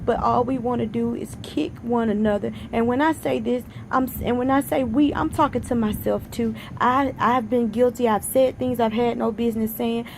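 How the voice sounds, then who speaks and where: A woman's voice: on the high side, fairly even intonation, moderate pace, vocal fry, few pauses, background noise. A woman giving an earnest, repetitive devotional exhortation while sitting out on her sun porch, near tears. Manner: earnest, preachy, repeats for emphasis. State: close to tears. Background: thunder outside.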